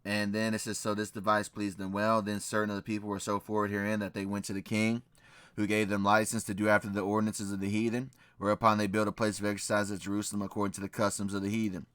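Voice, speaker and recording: This man runs a reaction video, reading old records and scripture aloud and offering casual remarks, repeating key phrases with emphasis and a frequent "right?" His fairly low voice is monotone, quick, fairly bright, and clean, captured in a dry recording.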